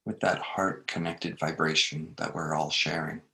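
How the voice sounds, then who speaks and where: A deep-voiced man leads a guided meditation slowly, gently and unhurriedly, leaving long pauses between short phrases. His delivery is flat with vocal fry, and the recording quality is low.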